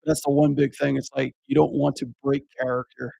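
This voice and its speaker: A man's voice: medium pitch, little pitch movement, fairly quick, vocal fry, dark tone, breathy edge, no echo, rough recording. A man talking in a loose, rambling way, swearing often and leaning on fillers like "like" and "you know.". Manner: rambling, profane, heavy use of filler words. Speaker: podcast guest recounting a haunted house job. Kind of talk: casual chat.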